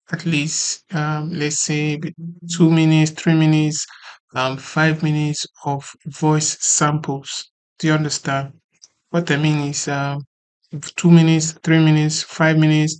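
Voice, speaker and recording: Speaking at a medium pitch, a tutorial host walks through software step by step in a casual way. He or she repeats points and keeps checking that the listener is following along.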